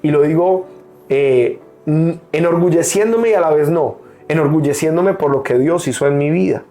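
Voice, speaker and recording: A young man from Colombia preaching a sermon as pastor, earnest and personal, pausing often with "eh" as he gives his testimony. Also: fairly high pitch, dark tone. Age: young adult.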